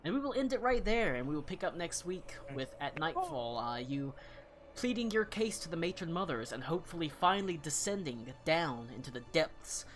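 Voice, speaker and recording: A man's voice: fairly high pitch, sing-song, normal speed, a bit bright. A man narrating as game master of a tabletop game, casual and full of fillers as he describes the scene.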